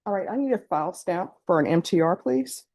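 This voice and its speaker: American lady judge in a courtroom, kinda low voice, formal questions by the book. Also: lively intonation, brisk, a little mellow.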